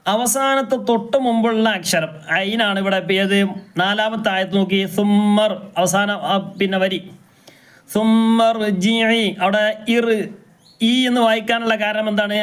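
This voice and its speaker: High clear-voiced man teaching recitation. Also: a bit bright. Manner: poses questions to students, then chants verse examples slowly and drawn out. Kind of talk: live class, explaining rules and reciting examples.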